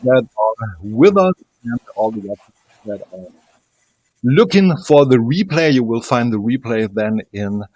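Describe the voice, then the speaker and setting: A German-accented man hosts a relaxed online chat show in English. He talks slowly and unhurriedly, with a dry, close sound and no room around it. His delivery is friendly and a little nervous, full of small restarts. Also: mid-range voice, no room sound. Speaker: host. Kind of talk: casual interview chat.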